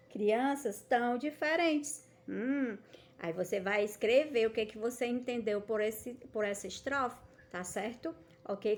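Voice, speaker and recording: Patient woman teaching young children. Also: fairly high pitch. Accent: Brazilian Portuguese. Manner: patient, checks in often with "tá certo?"; stretches words slowly to show stress. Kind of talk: recorded remote lesson for children.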